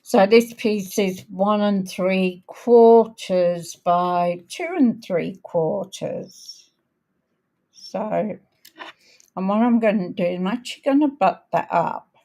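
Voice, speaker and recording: A woman's voice: medium pitch, dark tone. A woman hosting a live card-making demonstration, chatting as she works, her voice a little crackly. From outside America. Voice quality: slightly crackly voice. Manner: chatty, unhurried, talks while working. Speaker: crafting host.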